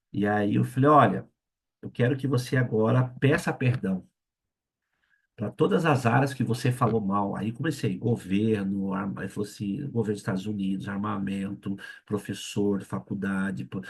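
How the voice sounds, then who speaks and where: A man's voice: mid-range voice, creaky, a little mellow, husky. A man with a Brazilian Portuguese accent, a pastor preaching a sermon and acting out the people in the story he tells. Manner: acts out the voices of the people in his story.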